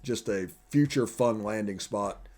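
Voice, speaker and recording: A man's voice: lowish voice, measured pace, a little mellow. Chatty, joking podcast host, a man. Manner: chatty, joking, loose run-on sentences. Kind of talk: casual sports podcast chat.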